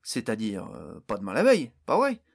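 A man reading an audiobook voices a young male hero who answers an enemy with calm, mocking confidence. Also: medium pitch, normal speed. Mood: defiant.

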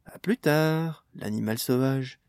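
A man's voice: mid-range voice, slow, darkish tone, clear, resonant tone, no room sound, clean studio sound. A man voicing a teasing young elf woman who laughs through her words. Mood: laughing teasing.

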